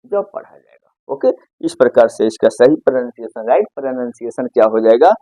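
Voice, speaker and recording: A man's voice: mid-range voice, lively intonation, brisk, mellow, no room sound. A male teacher giving a pronunciation lesson, spelling words out letter by letter and repeatedly asking and answering his own questions. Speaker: English teacher. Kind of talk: grammar lesson. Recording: muffled, dry close recording.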